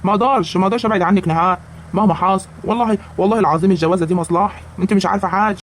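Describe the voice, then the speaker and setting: A performer voicing an old village patriarch in an animated comedy, coaxing and flustered between two wives, in an Egyptian rural accent. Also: mid-range voice, racing, a little hiss or hum, close to an everyday voice.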